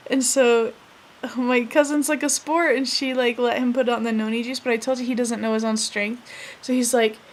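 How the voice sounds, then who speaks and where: Soft-spoken young woman, halting and casual. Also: fairly high pitch, little pitch movement, a little hiss or hum. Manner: soft-spoken, hesitant, full of fillers and self-corrections; laughs while recalling funny moments. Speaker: vlogger. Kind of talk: casual storytelling to camera.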